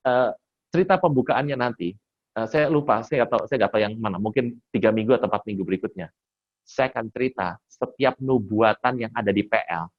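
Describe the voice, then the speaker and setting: A man's voice: on the low side, lo-fi sound. A male pastor with an Indonesian accent preaching casually, telling stories animatedly and joking with the congregation. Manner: animated storytelling, acts out quoted voices; colloquial, jokes with the congregation. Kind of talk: sermon.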